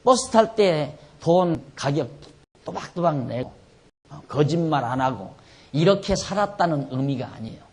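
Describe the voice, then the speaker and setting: A middle-aged man preaching an expository sermon as pastor, emphatic, asking rhetorical questions and swinging between loud and soft. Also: a little high, lively intonation, unhurried, breathy edge.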